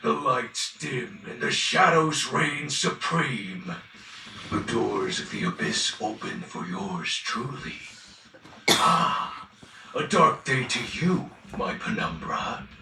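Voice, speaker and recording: A man's voice: mid-range voice, animated, creaky, pushed and bright, far from the mic, heavily acted. A man voicing a theatrical, pompous lord of shadows in a video game, making grandiose, commanding proclamations. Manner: bombastic, drawn-out commanding proclamations. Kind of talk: video game character acting. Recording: roomy echo, faint music behind.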